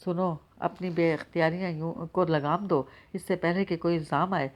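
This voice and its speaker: A woman reading the lines of a stern older man who gravely warns a young woman. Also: lowish voice, steady tone. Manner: grave, cautioning. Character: older male relative, stern and warning. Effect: heard over the phone in the story.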